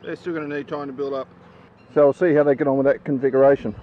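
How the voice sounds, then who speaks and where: A man with a mid-range voice talks at a quick pace as he handles his backyard beehives, relaxed and chatty with frequent ums in this outdoor how-to vlog. The audio from his camera is slightly dull and faintly noisy, with a neighbour mowing the lawn nearby.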